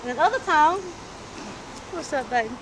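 A middle-aged woman chatting candidly in a street interview, animated and talkative, in an outdoor parking lot. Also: high-pitched, moderate pace. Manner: animated, chatty, acts out quoted voices. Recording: street noise in the background.

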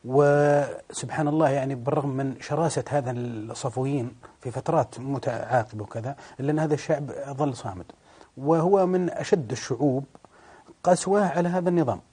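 Guy guest talking politics, husky dark voice, lots of pauses and ums. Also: medium pitch. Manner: measured, hesitant with fillers. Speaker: studio guest. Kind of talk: political commentary.

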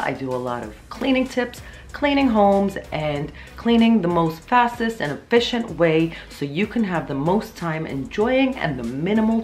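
A woman in her thirties narrating her own cleaning video at home, upbeat and explaining each step plainly. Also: low voice. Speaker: cleaning vlogger. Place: small home, living room and pantry.

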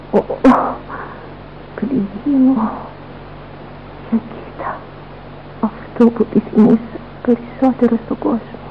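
A dying noblewoman, tender and full of remorse, played by an actress. Her fairly high voice keeps sinking into breathless whispers as her strength fails. The radio drama sounds dull and carries a faint hiss. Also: close to an everyday voice. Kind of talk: theatrical radio drama acting.

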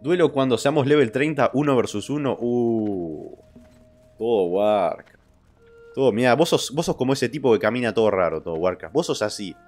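A young man with an Argentine accent, chatting casually on a livestream, reading viewer messages and joking crudely with loud outbursts. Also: medium pitch, animated, moderate pace, soft background music. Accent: Argentine Spanish. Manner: crude, joking, trash-talking; loud outbursts and sudden drops to a mutter. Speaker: streamer.

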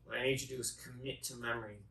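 A man's voice: mid-range voice, fairly even intonation, racing, sharp tone. A middle-aged man presenting a card trick in chatty magician patter, wandering off into tongue-in-cheek asides. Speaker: magician co-host of a magic show. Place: small dark room, indoors. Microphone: phone camera set back from the table. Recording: voice distant from the microphone.

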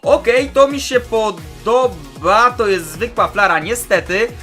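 A man with a hoarse, sore throat giving eager, exclaiming commentary as a gaming channel host. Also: high voice, expressive, takes it slowly, bright, forceful tone, soft background music. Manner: eager, exclaims at each card. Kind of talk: excited pack-opening commentary.

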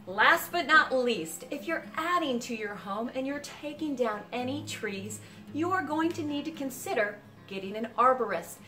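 A woman in her forties, a realtor, presenting a home renovation series to camera in a clear, upbeat scripted style from a house under construction. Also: sits high, expressive, normal speed, pushed and bright, faint music behind.

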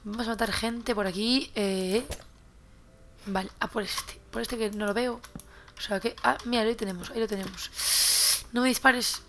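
A woman's voice: a little high, steady tone, normal speed, fairly bright tone, slight background noise. A young woman from Spain with a Spanish accent, chatting casually while playing a game and often repeating words as she loots. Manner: chatty, repeats words while looting, swears when surprised. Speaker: gaming youtuber. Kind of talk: casual gameplay commentary.

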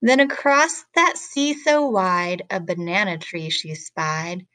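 A woman reading a picture book aloud to children like a teacher, with deliberate, expressive, rhythmic phrasing. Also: lowish voice, dry recording.

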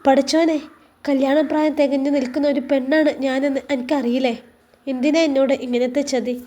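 A woman voicing a gentle, weary young woman in a spoken story, pleading softly in a Malappuram Malayalam accent. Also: high-pitched, flat delivery, a little fast, close to an everyday voice. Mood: flustered.

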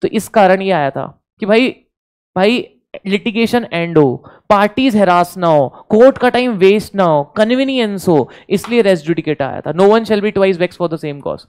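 A man's voice: high-pitched, animated, unhurried, a little mellow, clear, resonant tone. A man with an Indian accent teaching an exam revision lecture, repeating key points, quizzing his students and joking with the class. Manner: jokes with the class.

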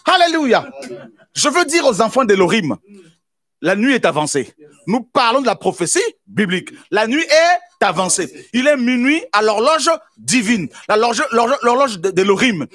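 A man preaching a sermon as pastor, with repeated exclamations and bursts of shouting. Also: very high-pitched, big pitch swings, moderate pace.

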